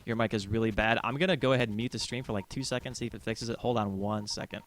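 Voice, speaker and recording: A man casting a video game match, talking fast and getting loud and high-pitched in the big fights. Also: fairly even intonation. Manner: rapid, gets loud and high during team fights. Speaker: esports caster. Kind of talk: play-by-play commentary.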